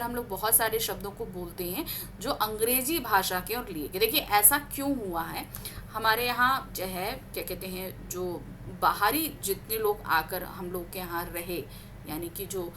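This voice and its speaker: A woman teaching grammar, reading out word examples slowly with stress and asking her class questions she answers herself. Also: medium pitch, bright, forceful tone, a little hiss or hum.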